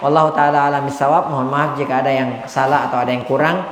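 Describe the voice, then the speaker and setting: A man's voice: medium pitch, flat delivery, quick pace, fairly bright tone, a little hiss or hum. A male Arabic teacher leading a classroom lesson. He prompts his students one by one, then corrects and praises them briefly. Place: mosque hall. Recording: echoey mosque hall.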